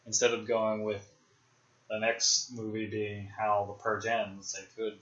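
Young male podcast host, bright and forceful, casual rambling film talk, roomy dull lo-fi audio. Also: lowish voice, completely flat delivery, a little slow. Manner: rambling, speculative, frequent fillers and restarts.

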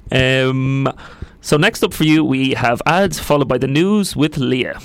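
Mid-pitched man co-hosting radio. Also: unhurried, a little hiss or hum. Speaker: radio co-host. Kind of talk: casual radio chat.

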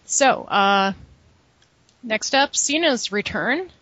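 A woman's voice: fairly high pitch, expressive, slow, pushed and bright, dry recording, highs cut off. A woman co-hosting a casual chat, recapping events with dry, sarcastic asides. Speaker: podcast co-host recapping wrestling.

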